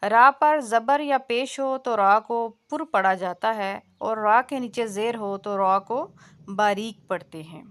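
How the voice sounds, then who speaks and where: A woman's voice: fairly high pitch, a bit bright, clear, resonant tone. A woman teaching a Quran recitation lesson, patiently drilling syllables and checking that her students follow. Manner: patient, repeats sounds slowly and checks understanding.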